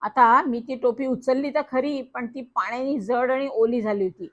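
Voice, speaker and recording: Woman, high voice, animated, children's story narration, muffled recording. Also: moderate pace. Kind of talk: first-person children's story reading. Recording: dull lo-fi recording.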